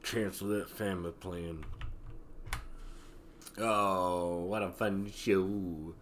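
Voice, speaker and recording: A man's voice: low-pitched, fairly even intonation, slow pace, a bit bright, slight background noise. Laughing, swearing male podcast host. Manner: laughing often, swearing, slipping into mock-angry quoted voices. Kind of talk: casual post-show chat.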